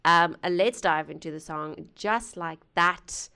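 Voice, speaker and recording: A woman who hosts a music reaction channel chats casually to viewers from her home studio via a gaming headset. Her voice is on the low side, sharp and clean, at a measured pace. She rambles with lots of fillers and asides and laughs at herself.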